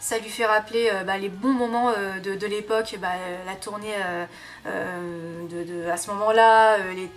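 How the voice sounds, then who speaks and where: A woman's voice: mid-range voice, fairly even intonation, normal speed, faint music behind. A young woman talking casually to camera about her favorite songs, chatty and giggly, with lots of fillers and restarts. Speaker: YouTuber doing a music tag. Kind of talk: casual vlog chat.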